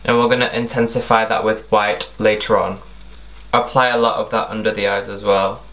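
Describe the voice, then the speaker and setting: A man's voice: lowish voice, level tone, normal speed, fairly bright tone, rough recording. A young man narrating an instructional makeup tutorial as its presenter. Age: young adult.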